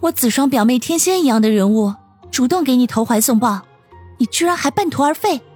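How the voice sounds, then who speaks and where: A woman's voice: high voice, animated, a little fast, darkish tone, husky, soft background music. A woman voicing a bold young woman who scolds and teases sarcastically. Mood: sarcastic. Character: bold, sharp-tongued young woman, elder cousin.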